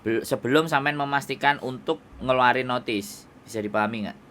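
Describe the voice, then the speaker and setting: Javanese guy giving advice on a call, bossy lecturing tone, bright voice. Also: medium pitch, brisk, a little hiss or hum. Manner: firm, lecturing, asks if understood. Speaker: advisor to migrant workers. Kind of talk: advice over a phone call.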